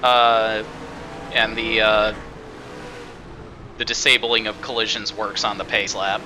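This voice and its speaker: A man's voice: on the low side, flat delivery, slow, background noise. A man hosting casual live sim racing commentary as race commentator.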